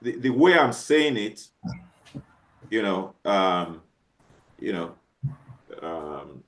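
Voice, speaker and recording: A male teacher lecturing a class, talking haltingly with many restarts and fillers and checking often that students understand. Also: deep voice, sing-song.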